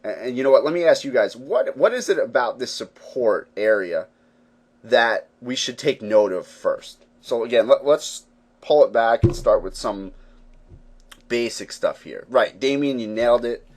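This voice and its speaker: A man's voice: medium pitch, animated, normal speed. A man hosting a live trading webinar, explaining charts in a conversational way with lots of fillers and check-ins with viewers. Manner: conversational, many fillers and "right, guys?". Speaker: forex trading webinar host. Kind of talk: live webinar teaching, casual.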